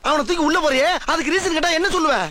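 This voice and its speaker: High whiny pompous police constable. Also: male voice, racing, a loud crowd. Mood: indignant. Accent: Tamil. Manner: pompous, whiny, self-important lecturing. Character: boastful cowardly middle-aged male police constable. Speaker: bumbling police head constable. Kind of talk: film comedy dialogue. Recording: film soundtrack with loud music.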